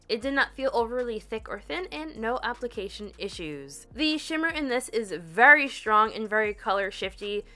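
A woman's voice: a little high, pushed and bright. A young woman narrating a chatty, upbeat nail polish review as a voice-over, with the odd giggle at her own slips. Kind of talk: scripted product review voice-over.

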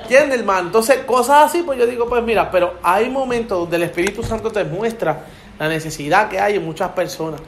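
Animated high-voiced man preaching. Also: fairly quick, a crowd in the background. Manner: animated storyteller, preachy, acts out quotes. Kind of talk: casual faith testimony chat. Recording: echoey room with background noise.

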